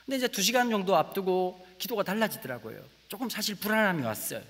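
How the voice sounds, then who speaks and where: A man with a Gyeongsang accent preaches a testimony, his voice rising into loud, high bursts and then dropping to hushed asides. His tone is a little husky and sits somewhat high for a man. The church sanctuary gives a long, hanging reverb. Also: quick pace. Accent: Gyeongsang Korean. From Gyeongsang region, Korea. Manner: animated storytelling, swings between loud exclamations and hushed asides. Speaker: guest preacher. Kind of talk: sermon with personal testimony.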